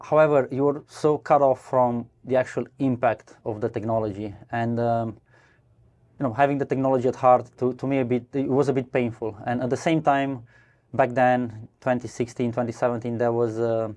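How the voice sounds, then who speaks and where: Speaking at normal speed in a flat, slightly mellow mid-range voice, a Romanian man answers interview questions casually in a brewery podcast studio. The startup co-founder and guest hesitates a lot, restarting often, leaning on fillers, and laughing readily.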